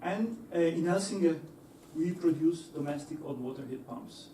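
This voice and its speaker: In an echoey lecture hall, a young engineer addresses an audience in a dark-toned voice on the high side, heard from far off with slight background noise. He talks at normal speed but hesitantly, full of fillers and restarts, and laughs readily.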